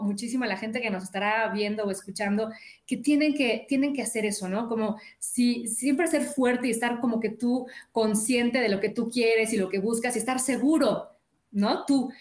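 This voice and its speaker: A woman, a sales coach and author, chatting in an upbeat way in an interview and acting out quoted dialogue. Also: on the high side. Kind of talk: casual interview chat. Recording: roomy echo.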